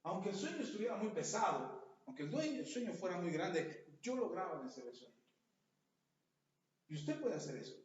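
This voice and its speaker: A man's voice: high voice, very animated, moderate pace. A middle-aged man, preaching a sermon and telling stories by acting out little scenes. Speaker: pastor. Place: church hall. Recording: echoey church hall, far from mic, dull.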